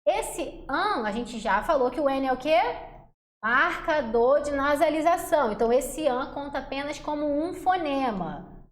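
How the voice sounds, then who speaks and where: A woman teaching an exam-prep lesson, chatty and checking in with the class often as she sounds out letters and syllables slowly. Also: high-pitched, lively intonation. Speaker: Portuguese teacher. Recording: echoey room.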